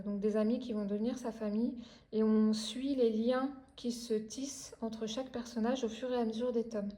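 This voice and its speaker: A woman's voice: fairly high pitch, warm tone. A French woman in her thirties chatting casually about her reading, with lots of hesitations and restarts. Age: 30s. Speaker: craft and book vlogger. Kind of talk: casual chat about books.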